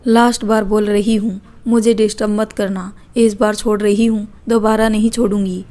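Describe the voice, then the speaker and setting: A woman's voice: medium pitch, flat delivery, moderate pace, dark tone, natural voice. Woman reading a stern, irritated young teacher. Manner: curt, annoyed scolding.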